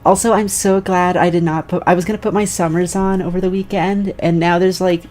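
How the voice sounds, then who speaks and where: A woman with a slight lisp and a slightly low voice chats offhand and dry while she plays. Her tone stays casual and easygoing, with faint game music under her talk. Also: fairly even intonation, fairly quick, a little mellow. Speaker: streamer. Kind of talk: casual chat while gaming.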